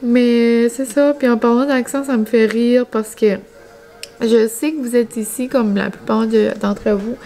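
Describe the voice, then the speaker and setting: Soft music plays behind this young woman, a vlogger from New Brunswick, Canada, whose northern Acadian French accent colors her rambling, casual chat with viewers, loaded with regional colloquialisms and fillers. She speaks a little slowly in a mellow voice on the high side, with fairly even intonation.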